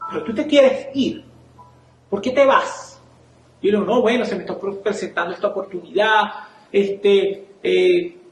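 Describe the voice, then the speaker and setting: Speaking with a Venezuelan Spanish accent, a church speaker gives a sermon testimony in a church, telling a story and animatedly acting out the dialogue. His voice sits high, and the low-quality recording is reverberant.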